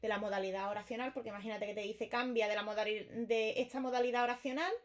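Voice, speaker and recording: A woman's voice: a little high, steady tone, fast talker. Chatty woman teaching grammar. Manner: chatty, explains with repeated examples and checks with "vale". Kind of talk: casual exam-prep lesson.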